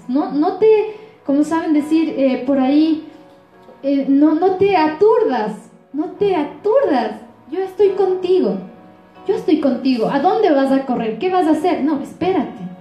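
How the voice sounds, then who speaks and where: Female Ecuadorian pastor preaching to her congregation, high and warm, in a roomy hall. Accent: Ecuadorian Spanish. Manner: frequent rhetorical questions to the congregation. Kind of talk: sermon.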